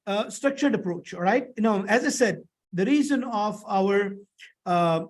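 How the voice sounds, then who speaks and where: This instructor has a high-pitched voice made thick and strained by a sore throat. He explains material for an online or classroom course in a chatty, repetitive way. He frequently stops to check comprehension with short tag questions.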